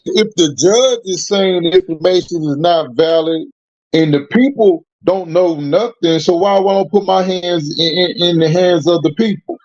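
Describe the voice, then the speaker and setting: High-voiced man arguing haltingly, muffled audio. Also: darkish tone, no echo. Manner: halting, repetitive, argumentative. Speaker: self-represented defendant in court. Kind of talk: unrehearsed courtroom argument. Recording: dull lo-fi hearing audio.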